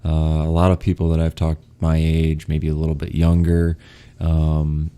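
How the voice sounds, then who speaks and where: A man's voice: very deep voice, monotone, moderate pace, dark tone, clear, resonant tone. A young man hosting a podcast, talking casually and laughing often, with many fillers. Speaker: podcast host. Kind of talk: casual conversational interview.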